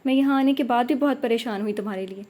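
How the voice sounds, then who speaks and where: A woman's voice: on the high side, mellow, natural voice. A woman voicing a tender, doting older mother figure in an audio novel, speaking in a soothing, affectionate way.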